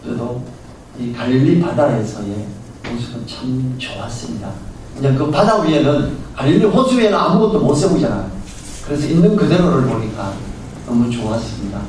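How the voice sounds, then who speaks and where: A man's voice: medium pitch, expressive, normal speed, darkish tone, slight background noise. Male pastor, Sunday sermon, storyteller who acts out characters, heavy hall echo, distant mic. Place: church sanctuary. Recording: very echoey church hall, mic far off.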